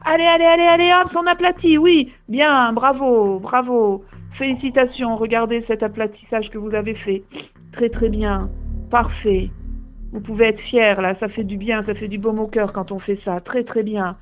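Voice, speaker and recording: A woman's voice: mid-range voice, steady tone, normal speed. A woman leading a guided sports visualization, urging listeners on with repeated short commands. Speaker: coach guiding a visualization. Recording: tinny phone-like line with faint music.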